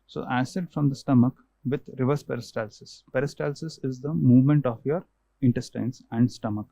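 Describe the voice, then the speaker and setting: A man's voice: medium pitch, fairly quick, gravelly, dark tone, no echo, rough recording. A man, an ENT doctor, patiently explaining causes and tests to a patient, often restarting and repeating himself.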